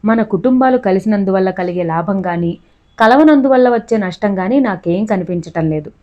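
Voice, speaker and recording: A woman's voice: medium pitch, expressive, normal speed, dull audio, natural voice. A woman reading the lines of a reserved young man who answers tersely and dryly.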